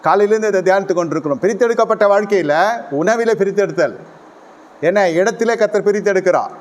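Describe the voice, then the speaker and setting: A man's voice: high voice, fast talker. A man preaching a sermon emphatically, repeating his key phrases for weight.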